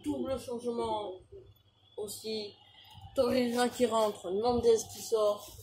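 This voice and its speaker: A young French man commentating a football video game he is playing, rattling off player names and shouting at big chances. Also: very high voice, steady tone, slow pace, a little hiss or hum. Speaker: gaming YouTuber.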